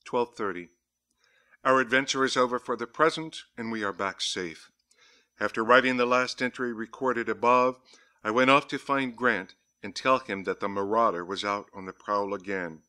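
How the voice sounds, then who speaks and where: A man reading a diary-style gothic tale aloud in a measured, dramatic narration. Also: medium pitch, bright, forceful tone. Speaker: audiobook narrator.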